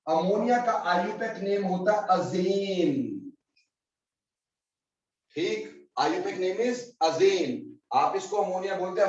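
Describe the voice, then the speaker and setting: A man's voice: high voice, darkish tone. A man teaching a chemistry class, fondly addressing his students as children and repeating key points, mixing in English terms. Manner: mixes Hindi with English terms. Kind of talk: classroom lecture. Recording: roomy, distant, dull lo-fi classroom recording.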